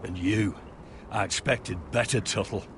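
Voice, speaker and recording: A man's voice: lowish voice, measured pace, noisy background, close to an everyday voice. A man playing a stern military training commander in a video game, scolding with authority.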